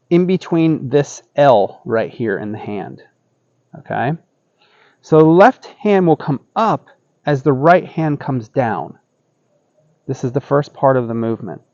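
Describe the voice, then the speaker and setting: Slow-paced, higher-voiced man teaching tai chi. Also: a little mellow, dry recording, muffled recording. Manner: explanatory, often checks in with "okay?". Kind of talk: casual step-by-step exercise instruction. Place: outdoor wooden deck by trees.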